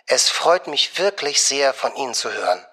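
A man voicing a gushing young female bank secretary, soft and honeyed, sometimes dropping to a whisper. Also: medium pitch, normal speed.

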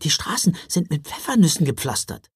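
A man's voice: on the high side, sing-song, a little fast, husky, dry recording, studio quality, exaggerated voice. A man voicing a curious, eager young boy in a storybook reading.

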